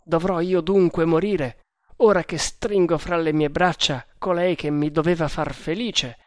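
A man's voice: fairly high pitch, animated, measured pace, no room sound, clean studio sound. A man voicing a fierce young male hero on the run, with frantic, impassioned exclamations. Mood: furious.

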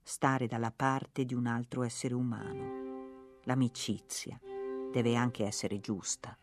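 A woman reading aloud from a diary in a measured, reflective way. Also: a bass voice, level tone, creaky. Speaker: reader. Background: faint music.

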